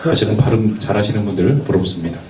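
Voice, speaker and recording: Heard from a distance in an echoey church worship space with faint background noise, a man gives a youth sermon in a fairly low, expressive voice at a quick pace. He earnestly puts rhetorical questions to the young people, occasionally tripping over his words and laughing it off.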